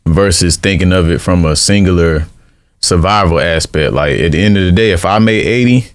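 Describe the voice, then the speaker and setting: A man's voice: sits low, moderate pace. A man giving his views in a casual group debate. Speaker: panel speaker.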